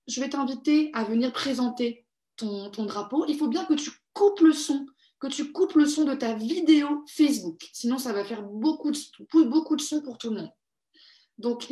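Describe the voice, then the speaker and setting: A woman's voice: sits high, darkish tone. A woman hosting a live online creative workshop for children, cheerful and encouraging as she reads out viewers' comments. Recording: echoey room.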